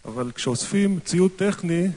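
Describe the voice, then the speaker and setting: A man's voice: high voice, lively intonation, rapid-fire, dark tone. A man asking casual questions and joking. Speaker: interviewer.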